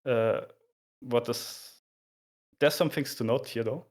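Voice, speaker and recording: A man explaining things informally in a casual chat, in a somewhat halting, hesitant way. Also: mid-range voice. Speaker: explainer of video game graphics.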